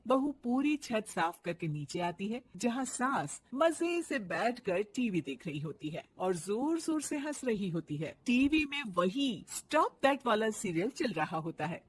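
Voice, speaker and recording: A woman narrating a cartoon family story in a plain, steady storytelling voice. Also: medium pitch, a little hiss or hum.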